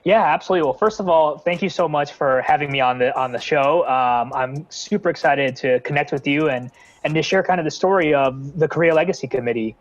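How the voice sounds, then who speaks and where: Here the young founder from the San Francisco Bay Area sounds brisk, his somewhat high voice captured with lo-fi quality. The interview talk is casual and earnest, packed with fillers and false starts.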